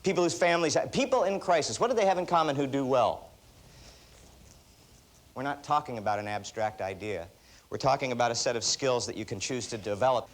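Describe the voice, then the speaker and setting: A man giving a seminar talk and telling stories in an animated, self-deprecating way. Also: medium pitch, brisk. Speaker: motivational speaker.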